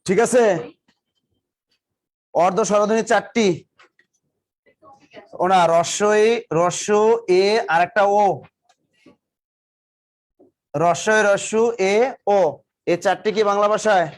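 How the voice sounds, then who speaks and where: A man's voice: high-pitched, steady tone, takes it slowly, pauses often. A male teacher giving a live classroom lecture, drilling students with repeated questions and teasing or scolding them. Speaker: exam coaching teacher.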